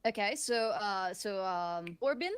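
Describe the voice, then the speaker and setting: A woman's voice: mid-range voice, lively intonation, a little slow, clean tone, no room sound. A woman playing a tabletop game, talking casually and hesitantly with many fillers. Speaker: tabletop player.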